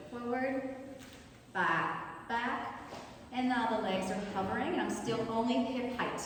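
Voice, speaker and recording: A woman instructing an exercise class, giving short, directive cues and counting out repetitions. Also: fairly high pitch. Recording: echoey hall, distant mic, noisy background.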